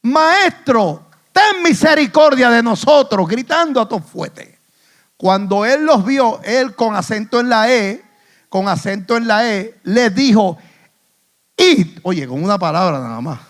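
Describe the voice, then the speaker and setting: A male pastor preaching a sermon in a church, swinging between hushed asides and loud emphatic lines, with English phrases mixed in. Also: high-pitched, lively intonation, a little slow. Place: church in the Bronx.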